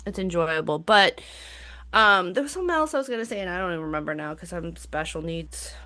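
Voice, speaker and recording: Bright-voiced woman chatting casually. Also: lowish voice, lively intonation, fast. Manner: chatty, swearing, laughing, restarts often. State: has the hiccups. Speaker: podcast co-host. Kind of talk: casual chat.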